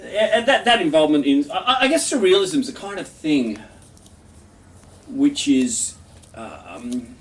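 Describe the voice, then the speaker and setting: A man's voice: on the high side, sing-song, measured pace, distant mic. A man in his fifties, reading a poem and then chatting in a rambling way, full of restarts and chuckles. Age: 50s. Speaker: poet. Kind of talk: poetry reading then casual chat. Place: his home.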